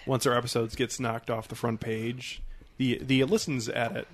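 A man's voice: medium pitch, little pitch movement, moderate pace. Male film podcast host, mid-range voice. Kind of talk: casual film discussion.

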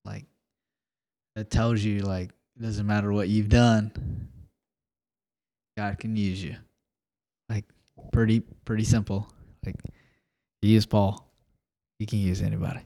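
A soft-spoken man co-hosts a casual Bible study talk. His voice sits fairly low and stays flat, with a mellow tone. He keeps his remarks short and mostly agrees. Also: a little slow, long pauses. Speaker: podcast co-host.

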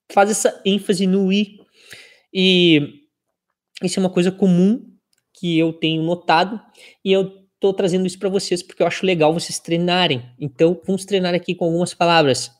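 A woman teaching English pronunciation in a casual spoken lesson, drilling word pairs and adding laughing asides. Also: on the low side. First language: Brazilian Portuguese.

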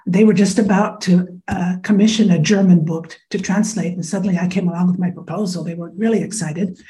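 A thoughtful, frank American woman in her fifties from Iowa speaks as a guest in a conversational interview, using many small fillers. The low-quality recording captures her mellow, mid-range voice.

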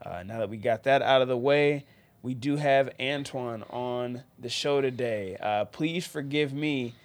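A man's voice: medium pitch, measured pace. A friendly man hosting a podcast in casual chat, his voice nasal and stuffed up from allergies. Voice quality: nasal, congested. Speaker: podcast host.

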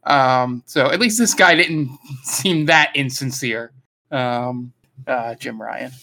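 Bright-voiced rambling man on a podcast. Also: mid-range voice, slow. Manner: rambling, full of fillers and restarts. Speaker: podcast co-host. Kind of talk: casual podcast chat.

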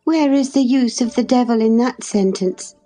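A woman's voice: a little high, normal speed, dark tone, soft background music, voice pushed up, lightly acted. A woman voicing a spiteful teenage boy who talks in a prim, sneering, taunting way. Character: sickly spiteful teenage boy, pert and mocking.

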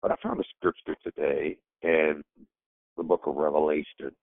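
A man with a voice hoarse from a cold, speaking haltingly as a pastor giving an informal sermon over the phone. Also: a bass voice, fairly even intonation. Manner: halting, searching for words. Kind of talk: informal sermon on a prayer call. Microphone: telephone. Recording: tinny phone conference line, roomy echo.

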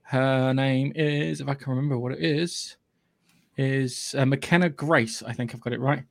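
A man with a British accent hosting a podcast, giving a casual, opinionated film review in a halting, sweary way. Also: medium pitch, fairly even intonation, creaky. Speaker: podcast host.

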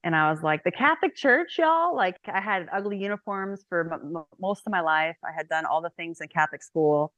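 A woman in her thirties, a guest speaker telling her personal faith story on a podcast, chatty and animated, with many fillers. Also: low-pitched, a little fast, few pauses, no room sound, dull audio.

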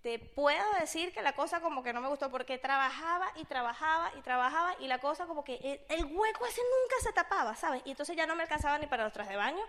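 A high-pitched woman with a Venezuelan accent tells a personal story in a casual, chatty way. She is animated and jumps in pitch when she acts out what other people said. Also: fast, few pauses. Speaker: speaker sharing a personal business testimony.

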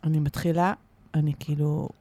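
A woman's voice: deep voice, flat delivery, mellow, no room sound. Woman guest, casual storyteller, chatty and giggly, dry close studio sound. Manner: chatty, laughs often, many fillers. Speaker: podcast guest, musician. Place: podcast studio. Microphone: studio microphone.

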